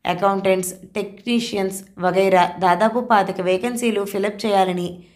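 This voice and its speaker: A woman's voice: mid-range voice, steady tone, moderate pace, a little mellow. A woman with a Telugu accent narrating a suspense novel, reading every character's lines in her own voice with light acting. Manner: reads all characters in her own voice, dialogue lightly acted. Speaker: audiobook narrator.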